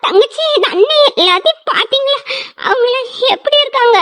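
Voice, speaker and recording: Tearful, very high-voiced young bride. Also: female voice, animated, normal speed, a bit bright. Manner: tearful and pleading. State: crying. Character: mistreated young bride, gentle grieving daughter. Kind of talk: dubbed cartoon drama.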